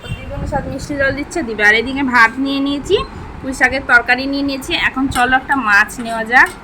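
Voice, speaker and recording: A woman's voice: high voice, steady tone, fast talker, background noise. A young woman with a West Bengal Bengali accent chatting casually to viewers while she cooks and feeds her daughter at home. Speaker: vlogger and mother. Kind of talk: casual home cooking vlog. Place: home kitchen.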